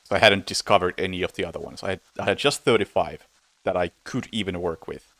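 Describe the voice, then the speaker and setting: A man's voice: deep voice, fast, fairly bright tone, no room sound. A man streaming a game, chatting casually in a rambling way with frequent chuckles and self-corrections, a bit sleepy. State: sleepy, yawning. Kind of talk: casual gameplay commentary.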